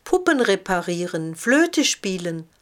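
A woman voicing a wise, gentle female snail in a storybook reading, speaking in an encouraging, thoughtful way. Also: mid-range voice, big pitch swings, unhurried.

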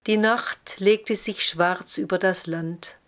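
A woman narrating a storybook in a calm, measured way. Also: mid-range voice. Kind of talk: storybook reading.

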